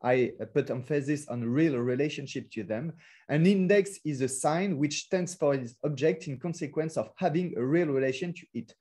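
A man's voice: fairly high pitch, normal speed, dark tone. French-accented man giving a hesitant lecture. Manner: frequent hesitations and fillers; careful non-native phrasing. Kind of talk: academic webinar talk. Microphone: video call.

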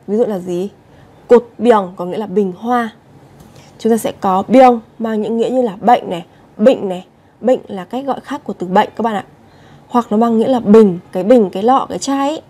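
A woman's voice: mid-range voice, mellow. A woman teaching Korean vocabulary, patiently repeating each word and speaking straight to her viewers. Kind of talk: vocabulary lesson explanation.

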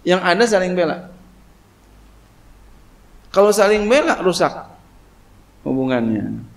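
A man with a high, creaky voice and wide pitch swings teaches tafsir as an Islamic cleric in a kitab study sermon. He reads the Arabic text slowly, then explains it in casual Indonesian, often saying "ya."

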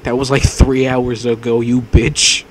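A man narrates a visual novel between crude jokes, laughing easily at his own lines. His voice sits at a middle pitch, and a faint hiss of background noise runs under it. He talks into a wireless mic. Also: level tone, unhurried. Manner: crude, joking, laughs often. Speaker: let's play host reading game text aloud. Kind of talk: casual gaming banter.

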